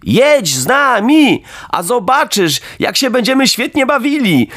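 A man's voice: very high-pitched, sing-song, a little slow, voice pushed up, exaggerated voice. A man doing a chanting crowd of boys. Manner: shouting, chanting. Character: crowd of rowdy young boys.

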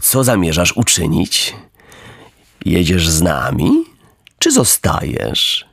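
Brief: a man doing a chubby little coachman, deep, syrupy and quietly menacing, storybook villain. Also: big pitch swings, takes it slowly, gravelly, slightly rough, dry recording, studio quality, heavily acted. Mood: ingratiating. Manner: honeyed, ingratiating speech. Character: small plump fawning male coachman, sweetly sinister.

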